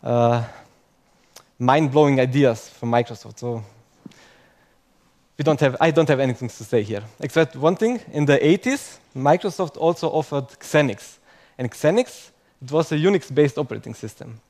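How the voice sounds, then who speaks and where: A young man speaks at medium pitch, at a normal speed, with lively intonation and a slightly mellow tone. He is giving a conference talk to a live audience in English, which isn't his first language, and he's chatty and self-mocking, often closing a point with "okay?".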